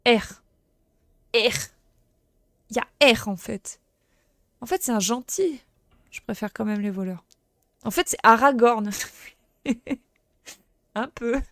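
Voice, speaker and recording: A woman streamer giving casual, joking commentary while playing a video game, blunt and quick to react. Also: on the high side, no room sound, studio quality. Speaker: let's play streamer.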